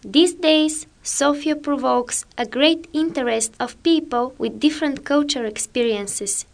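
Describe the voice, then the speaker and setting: A woman's voice: high-pitched, unhurried, creaky. A woman presenting a radio feature in careful, scripted narration.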